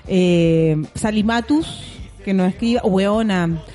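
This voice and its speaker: A woman with a Chilean accent co-hosting a radio show in casual, slangy chat, telling animated stories and acting out what people said. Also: mid-range voice, slow, soft background music. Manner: animated storyteller, slangy, acts out quoted voices.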